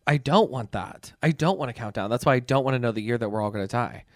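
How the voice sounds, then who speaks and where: A man of middle pitch co-hosting a loose podcast conversation. He laughs often, teases his friend, and lets his sentences drop off softly. The recording is dry and close to the mic. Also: quick pace, dry recording. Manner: laughs often, teasing, trails off quietly. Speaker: podcast co-host. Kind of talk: casual chat.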